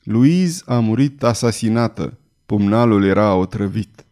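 A brooding swordsman bent on vengeance, read by a male narrator. He speaks low and stern, with a menacing edge and a dark, mellow tone. The pitch rises and falls with feeling. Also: lively intonation, natural voice. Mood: grim.

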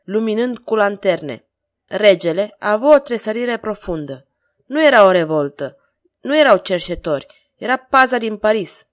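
Audiobook narrator, woman, measured dramatic delivery, volunteer reader. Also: medium pitch.

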